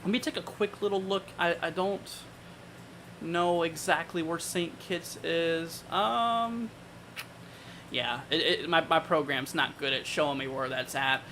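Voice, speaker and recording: A man with a bright, forward voice, pitched a little high, hosts a casual live weather forecast. He talks informally, thinking aloud as he goes, in a conversational way. There is some faint noise behind him. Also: unhurried. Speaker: weather livestream host.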